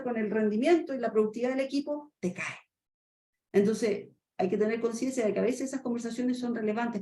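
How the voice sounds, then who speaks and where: A woman's voice: fairly high pitch, darkish tone. A woman training consultant giving a webinar lecture, often checking in with her listeners and acting out workplace dialogues. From Chile. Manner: acts out boss-employee dialogues; addresses audience directly with check-ins. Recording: echoey room.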